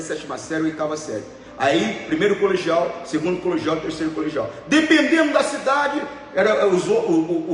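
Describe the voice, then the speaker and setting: A man's voice: on the high side, slight background noise. A man preaching as a pastor, telling stories with emphatic repetitions. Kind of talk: preaching sermon. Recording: echoey hall, voice from far off.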